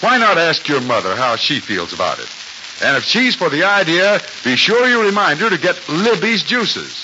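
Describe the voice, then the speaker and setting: A male radio announcer, heard on an old radio broadcast recording, eagerly pitching to children in 1940s style. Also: very animated, normal speed, dull audio, noisy background.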